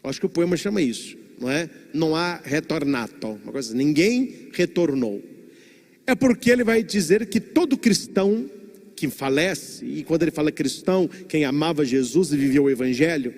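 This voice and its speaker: Emphatic priest, expressive storyteller, sermon in a reverberant hall. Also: male voice, a little high, moderate pace.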